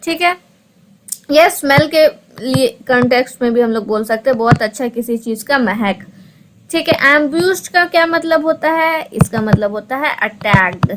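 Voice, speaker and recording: A woman teaching English for exams, who asks and answers her own questions, repeats key points, and reads the English options slowly, word by word. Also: high voice, lively intonation, background noise. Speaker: English teacher for exam prep. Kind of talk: explanatory online lesson.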